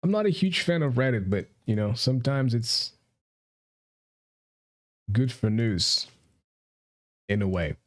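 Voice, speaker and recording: A man's voice: mid-range voice, animated, measured pace, long pauses. A man co-hosting a casual live podcast, ranting crudely with a lot of swearing. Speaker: podcast co-host.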